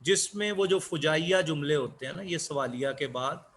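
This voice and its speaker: A man teaching an online English class, speaking slowly and repeating key words as he explains. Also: on the high side, a bit bright, slight background noise.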